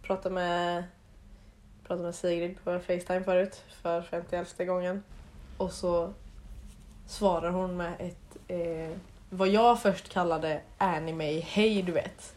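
A woman co-hosting a casual podcast with a lowish voice. She announces segments and teases her co-host in a dry way. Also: flat delivery, a little mellow. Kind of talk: casual chat.

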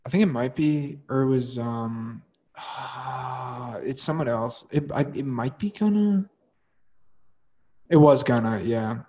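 A young man hosts a relaxed podcast chat with a friend. He talks loosely and laughs often. He fills his pauses with ums and likes as his thoughts trail off. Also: medium pitch, husky. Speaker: podcast host. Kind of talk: casual chat.

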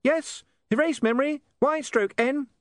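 A man's voice: very high voice, unhurried, a bit bright, no echo, studio quality, pitched above the performer's own voice. A man voicing a tiny, pedantic green imp living inside a gadget box, rattling off fine print. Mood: fussy.

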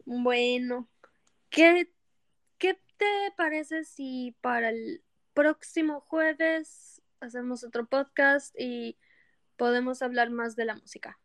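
A woman hosts a casual Spanglish podcast in a high voice. She talks slowly and hesitantly, restarting phrases. The recording is close and dry. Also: fairly bright tone, clean tone, dry recording. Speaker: podcast host.

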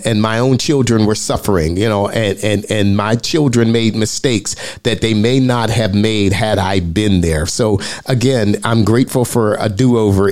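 A man with a fairly low speaking voice hosts a panel call as a pastor. He talks earnestly and personally, and he falls into repeated words when a point matters to him. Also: a little mellow. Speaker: podcast host and pastor.

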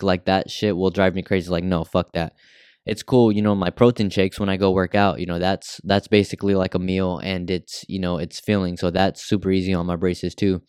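A young American man talks casually as a solo podcast host, his speech shaped by newly fitted braces. His voice sits fairly low and is clear and smooth, recorded close and dry. He rambles loosely, with plenty of slang and swearing. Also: a little mellow, no room sound.

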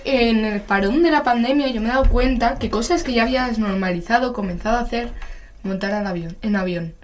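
A woman's voice: on the high side, a little fast. A young woman co-hosting a podcast, chatting casually with many fillers and frequent laughs. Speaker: podcast co-host. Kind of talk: casual chat.

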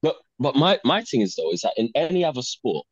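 A man's voice: medium pitch, sing-song, a little fast. A man co-hosting a football podcast, talking animatedly and laughing often. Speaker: podcast co-host. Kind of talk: casual podcast chat. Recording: dry, dull lo-fi mic.

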